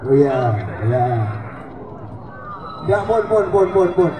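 Booming high-pitched Javanese-accented male prize announcer. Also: animated, slow. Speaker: event announcer handing out door prizes. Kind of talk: live crowd announcing. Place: outdoor volleyball court. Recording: distant echoing PA, loud crowd noise. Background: loud crowd.

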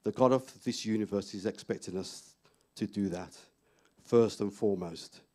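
Pastor guy preaching, lowish voice, hammers his points over and over. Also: normal speed, warm tone. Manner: emphatic preaching, repeating key phrases. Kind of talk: sermon. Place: church hall stage.

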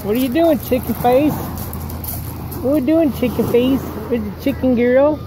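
A man's voice: very high-pitched, normal speed. A man filming his dogs on a lakeshore, coaxing and teasing them in a playful, casual way. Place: outdoors on a pebbly lakeshore. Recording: wind noise on a phone mic.

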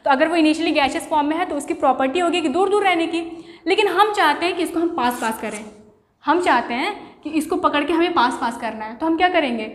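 A woman's voice: sits high, lively intonation, quick pace. A woman teacher giving a classroom science lesson, explaining with everyday examples and asking rhetorical questions. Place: room. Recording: echoey room with long reverb.

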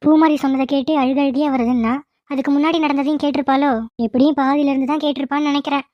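A woman's voice: sits high, level tone, fast talker, highs cut off, close to an everyday voice. A woman voicing a sly young snake-woman in human disguise in a cartoon, whispering plans to her friend. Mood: scheming. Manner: sly, fake-tearful. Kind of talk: cartoon voice acting.

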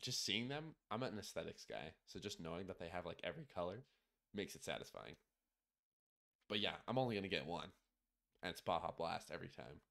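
A deep-voiced man with a gravelly edge, chatting casually as a podcast co-host. His pitch swings widely as he reacts, and he talks in laid-back slang, quick to gasp and laugh. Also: animated, a bit bright. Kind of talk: casual chat.

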